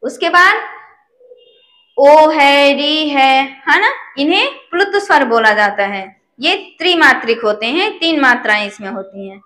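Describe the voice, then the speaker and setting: A woman's voice: sits high, expressive, a little slow, sharp tone. A woman teaching a lesson, patient, often checking whether her listeners understand. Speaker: Sanskrit teacher. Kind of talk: slow classroom lesson. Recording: echoey room.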